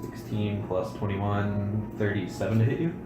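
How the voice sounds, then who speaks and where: A man's voice: lowish voice, little pitch movement, moderate pace, echoey room, loud music behind the voice, poor audio. A man running a tabletop game as game master, casual and joking, with an occasional swear.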